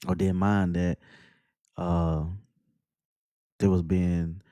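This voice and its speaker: A man's voice: low-pitched, little pitch movement, drawn-out words, dark tone, no echo, studio quality. A man hosting a commentary show, talking in a laid-back, rambling way and laughing at what he plays. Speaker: commentary host. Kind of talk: casual reaction commentary.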